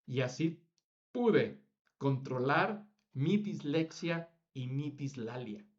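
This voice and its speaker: A man's voice: medium pitch, animated, slow pace, lo-fi sound. A man teaching a public speaking class, stressing each item in his lists and now and then correcting a slip. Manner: emphatic, lists words with rising stress; self-correcting slips. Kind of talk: lecture to students.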